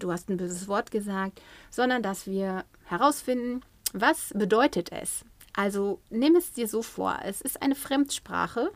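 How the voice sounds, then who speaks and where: A woman's voice: medium pitch, no echo. Woman giving parenting advice, dry sound. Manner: lively, acts out quoted parents and children. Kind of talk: advice talk.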